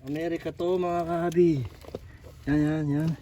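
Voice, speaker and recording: A man vlogging outdoors on a rocky shoreline at low tide, talking chattily to his viewers and slightly out of breath. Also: flat delivery, moderate pace, background noise. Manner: chatty, repetitive, addresses viewers constantly. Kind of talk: casual on-the-spot vlog narration. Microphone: camera on a tripod.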